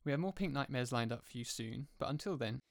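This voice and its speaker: A man's voice: medium pitch, animated, creaky, no echo. Male podcast host, dry studio sound. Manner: brisk, friendly promo reading. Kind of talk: podcast outro announcement.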